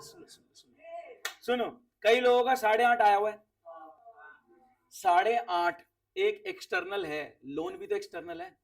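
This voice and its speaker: A man's voice: high-pitched, far from the mic. A man teaching accounts to a class of students, quizzing them, repeating key words and sending off those who answer right.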